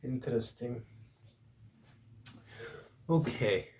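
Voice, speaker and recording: A man's voice: medium pitch, drawn-out words, gravelly, darkish tone, a little hiss or hum. A man hosting a casual study chat. He talks hesitantly, restarts his sentences and teases his partner. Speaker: student and podcast host.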